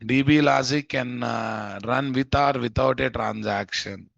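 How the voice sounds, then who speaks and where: A man with an Indian Telugu accent teaches an informal live programming lesson, posing questions he answers himself and repeating phrases for emphasis. His medium-pitched voice is creaky, fairly bright, and measured. The close recording has no room sound and is dull, muffled, and lo-fi.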